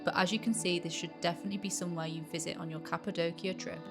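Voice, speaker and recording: A woman's voice: lowish voice, steady tone, racing. A British woman narrating and chatting in a travel vlog, friendly and explanatory. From Britain. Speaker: travel vlogger. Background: music.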